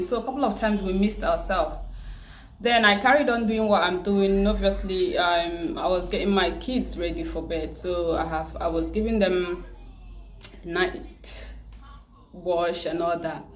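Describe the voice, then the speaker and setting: A grieving woman with a Nigerian accent, from Nigeria, telling a personal story at home in a halting, tearful way, repeating words and restarting often. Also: mid-range voice, fairly bright tone, a little hiss or hum. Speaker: vlogger. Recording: roomy echo.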